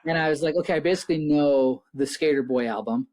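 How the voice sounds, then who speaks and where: A man's voice: on the high side, quick pace, darkish tone, slight background noise. A man in his thirties hosting a podcast, talking in a chatty, rambling way with many restarts. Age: 30s. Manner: chatty, rambling, self-interrupting. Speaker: podcast host. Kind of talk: casual interview chat.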